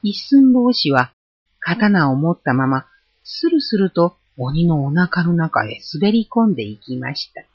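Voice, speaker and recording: A storyteller reads a folk tale aloud with a lively, expressive delivery. The voice is husky, and its pitch moves a lot. The recording is dull and lo-fi. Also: a little slow, no room sound.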